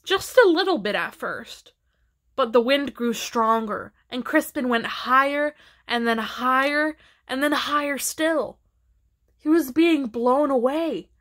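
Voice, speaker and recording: A woman reads a children's picture book aloud at an unhurried pace. Her voice sits a little high and stays gentle and expressive throughout. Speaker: storybook reader.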